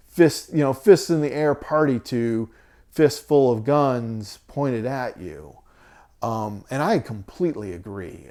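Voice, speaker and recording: A man in his forties chats about his record collection in a slow, unhurried way. He hesitates often, circling back with ums and restarts. His voice is wearing thin, as if he is losing it. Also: medium pitch, a little mellow. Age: 40s. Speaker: vinyl collector vlogger. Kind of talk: casual talk to camera.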